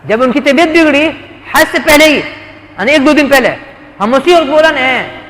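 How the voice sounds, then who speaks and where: A man delivers a sermon in a very high voice. He tells stories, acts out the dialogue and asks the listeners rhetorical questions. The sound is roomy, with a long echo from a large hall. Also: normal speed, fairly bright tone. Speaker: preacher.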